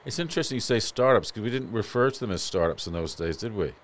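A man hosting a podcast interview in a relaxed, chatty manner. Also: lowish voice, fast talker. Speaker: podcast host. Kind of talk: conversational interview.

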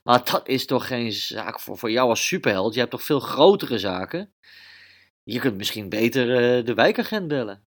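A man voicing a relaxed father mouse who explains things calmly with long words. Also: mid-range voice, moderate pace. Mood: explaining. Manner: calm, explaining.

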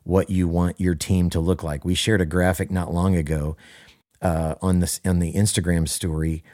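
A low-voiced man talks on a podcast as a worship leader, his tone warm and mellow. He speaks earnestly, hammering points home by repeating them, and slips in deadpan jokes. The sound is dry and close, with no room around it. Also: normal speed, no echo. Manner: earnest and emphatic, repeats key phrases for stress. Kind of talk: casual podcast conversation.

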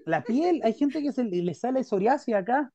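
A man's voice: very high voice, moderate pace, no room sound. A young adult man with a Chilean Spanish accent, hosting a podcast over a video call, talking casually in long rambling runs full of fillers. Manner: rambling, filler-heavy, animated. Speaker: podcast host. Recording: dull, dry lo-fi audio.

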